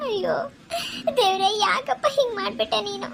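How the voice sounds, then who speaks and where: A woman's voice: very high voice, a little fast, creaky, loud music behind the voice, exaggerated voice. A woman voicing a fretful, tearful middle-aged mother of the bride in a cartoon, wailing anxiously. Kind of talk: cartoon voice acting.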